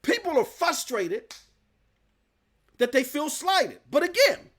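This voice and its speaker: Animated, high-voiced ranting man. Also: slow pace. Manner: emphatic, rhetorical questions, slangy. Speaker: gaming news host. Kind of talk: live-stream rant.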